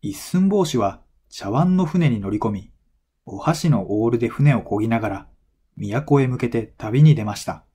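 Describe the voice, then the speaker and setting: Language learners hear a man read a folktale from a script, his storytelling measured and clearly phrased. He speaks in a mid-range voice that is mellow and expressive.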